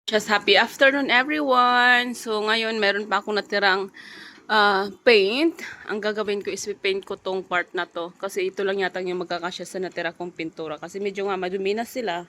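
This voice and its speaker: A woman's voice: medium pitch, steady tone, normal speed, pushed and bright. A woman, a mother vlogging casually at home, chatting while she tidies and mixing Tagalog with English.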